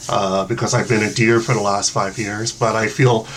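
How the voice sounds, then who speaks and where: A man's voice: lowish voice, steady tone, moderate pace, a bit bright, a little hiss or hum. Hesitant modest man as podcast guest. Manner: hesitant, modest, many uhs. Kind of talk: casual podcast chat.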